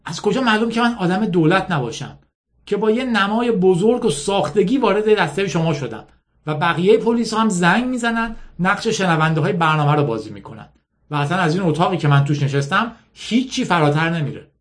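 A man puts on a shrewd young woman in a storybook, a radio broadcaster who trusts no one. She teases and commands with easy confidence, pitched a little high. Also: animated. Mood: sly, testing. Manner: teasing, self-assured and commanding.

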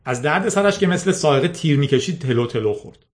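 A man's voice: on the high side, expressive. Man reading an audiobook. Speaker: narrator. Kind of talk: scripted audiobook narration.

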